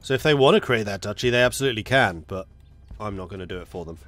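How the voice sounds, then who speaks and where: An expressive, fast-talking streamer with a fairly low but bright-toned voice sounds congested from a cold. He offers casual live commentary on a strategy game, chatting with viewers and muttering to himself as he plans.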